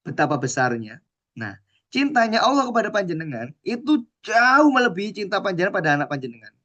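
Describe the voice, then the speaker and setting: A man's voice: sits high, fast, dull audio. A man gives a sermon. He tells stories with energy, acts out the lines of the people in them and asks his listeners questions. He sounds like a preacher in his thirties. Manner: lively storytelling preacher who acts out quotes and asks the audience questions. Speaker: Islamic preacher.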